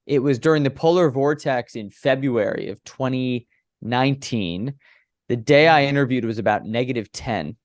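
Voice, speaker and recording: A man's voice: mid-range voice, moderate pace, no room sound. Chatty young man, dry close sound. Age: 20s. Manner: animated, chatty storyteller. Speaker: baseball broadcaster, guest. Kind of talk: conversational interview.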